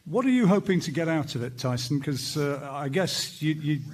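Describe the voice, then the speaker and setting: A man's voice: fairly high pitch, animated, normal speed, darkish tone. A man putting questions to fighters at a press conference as an interviewer.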